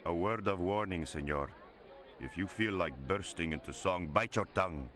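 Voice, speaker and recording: Deep, officious game character. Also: male voice, normal speed, a bit bright. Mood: officious, polite. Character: polite, officious male Latin American local. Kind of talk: video game voice acting. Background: music clearly behind the voice.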